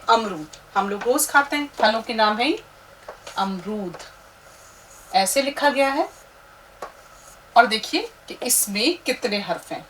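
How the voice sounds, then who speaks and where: A woman teaching an Urdu lesson who spells out letters slowly and patiently, talking directly to her learners and asking them to repeat after her. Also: fairly high pitch, sharp tone, far from the mic, a little hiss or hum, poor audio.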